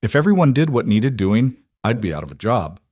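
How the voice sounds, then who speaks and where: A man voicing a calm, firm federal marshal in a western tale. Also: medium pitch, fairly quick, no echo, clean studio sound. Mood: warm. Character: stern, fair-minded federal marshal, grown man.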